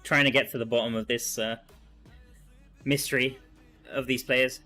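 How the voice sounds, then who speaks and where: A man's voice: medium pitch, steady tone, normal speed, bright, forceful tone, soft background music. A man streaming a video game, chatting casually and thinking aloud as he answers his chat.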